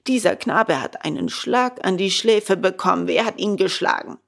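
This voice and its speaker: A woman's voice: on the low side, normal speed, vocal fry, fairly bright tone. A woman reading a storybook aloud and voicing a stern male gendarme who barks curt orders. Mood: commanding.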